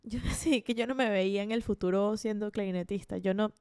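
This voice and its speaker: A woman's voice: mid-range voice, a little fast, a little mellow, clean tone, no room sound, clean studio sound. A woman in her twenties with a Venezuelan accent, hosting a podcast in a chatty, self-deprecating monologue full of restarts. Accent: Venezuelan Spanish. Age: 20s. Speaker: podcast host. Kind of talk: casual monologue.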